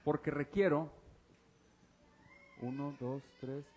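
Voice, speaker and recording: A pastor leads a lively church sermon, constantly quizzing the congregation and joking with volunteers. His speaking voice sits notably high for a man. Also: slow pace. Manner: quizzes the congregation, casual and teasing. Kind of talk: interactive sermon. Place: church service before a congregation.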